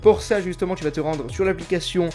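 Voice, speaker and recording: This is a French man hosting a comedic tech review vlog. His voice sits high, and he mixes product details with crude, sarcastic jokes. Faint music plays under him. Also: fast talker, dark tone. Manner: jokey, crude, sarcastic asides.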